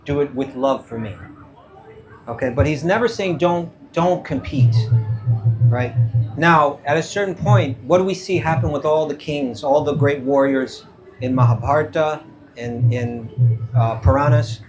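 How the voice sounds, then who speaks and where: A man with a somewhat high voice speaks at an unhurried pace, giving an informal scripture talk to a live audience as a spiritual teacher. He keeps it conversational, checks in with listeners, and acts out quoted dialogue. Picked up on an event microphone, the low-quality recording has faint music behind him.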